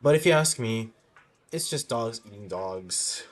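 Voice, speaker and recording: Male game player, lowish voice, reads story dialogue aloud and fixes slips as he goes, over music. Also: animated. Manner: halting reading with misreadings corrected. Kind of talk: reading game story text aloud with reactions.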